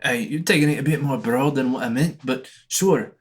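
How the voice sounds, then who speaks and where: A man's voice: mid-range voice, normal speed, voice pushed up, lightly acted. A man voicing a blunt, impatient male faction leader who presses for straight answers and swears. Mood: pressing. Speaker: game master.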